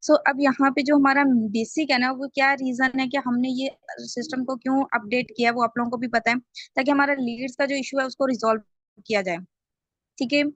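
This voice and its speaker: A woman's voice: high voice, steady tone, fairly quick, dry recording. A woman sales trainer on a video call, explaining step by step and often checking in with the group. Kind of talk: online team training call.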